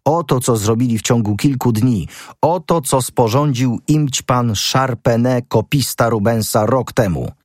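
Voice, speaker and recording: A man reading the part of a brash young amateur detective, rising into excited, high-pitched outbursts. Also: unhurried, no echo, studio quality, natural voice. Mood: triumphant. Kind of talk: audiobook character reading.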